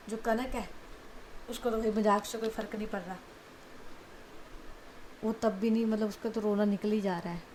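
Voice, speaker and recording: A woman's voice: medium pitch, darkish tone, a little hiss or hum. A woman narrating a love story in a casual, chatty way with asides to listeners.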